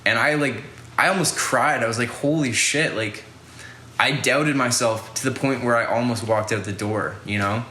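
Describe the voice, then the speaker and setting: A man's voice: medium pitch, steady tone, moderate pace, sharp tone, echoey room, slight background noise. A young man hosting a podcast, telling a casual story in a rambling way, full of fillers and swearing. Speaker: podcast host.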